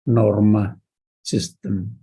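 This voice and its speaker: A man preaching a religious lecture, speaking directly to his listeners and repeating key words for emphasis in a measured, teaching delivery. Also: lowish voice, flat delivery, dark tone. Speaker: Islamic preacher.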